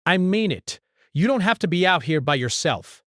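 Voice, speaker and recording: A kind young man speaks softly in a low, steady voice, trying to calm a scared child, as a male narrator voices him. The sound is dry and close. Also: unhurried, breathy edge, dry recording. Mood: gentle. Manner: soft, steady, reassuring.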